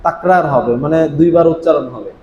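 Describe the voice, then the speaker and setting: A man's voice: fairly high pitch, a little mellow. A man teaching Quran recitation, stretching out sounds to demonstrate and often stopping to affirm. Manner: slow drawn-out demonstrations, frequent affirming interjections. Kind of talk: tajweed pronunciation lesson. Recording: dull echoey hall with faint noise.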